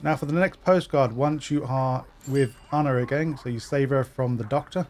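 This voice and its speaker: A man's voice: medium pitch, moderate pace. A man talking viewers through a game walkthrough step by step, explaining where to find items. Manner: instructive, step-by-step, steady. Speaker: gaming guide narrator. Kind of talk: walkthrough commentary.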